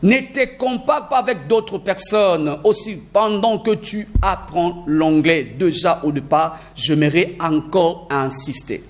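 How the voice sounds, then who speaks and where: A man teaching a video lesson on learning English, energetic and repeating phrases for emphasis, mixing in English sentences. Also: sits high, slow, few pauses.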